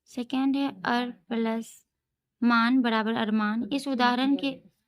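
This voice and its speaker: A woman's voice: on the high side, steady tone, slow. A woman tutor reading out textbook questions and explaining each answer step by step. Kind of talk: homework answer walkthrough.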